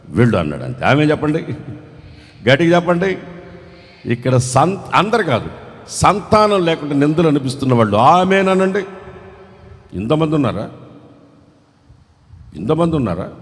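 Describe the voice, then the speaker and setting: A male pastor preaching a dramatic sermon at a large church convention. He swings between shouted peaks and low, quiet lines, and he urges the crowd to clap and cry hallelujah. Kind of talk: Telugu revival sermon. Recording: long hall reverb from a large venue.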